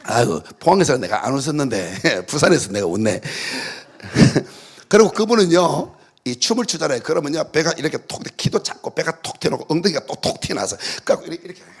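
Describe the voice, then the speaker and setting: A man preaching at a revival meeting, telling lively stories, shouting decrees and mimicking prayers for laughs. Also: a little high, brisk, breathy edge. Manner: animated storytelling, shouted decrees and playful mimicry. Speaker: pastor. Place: church hall.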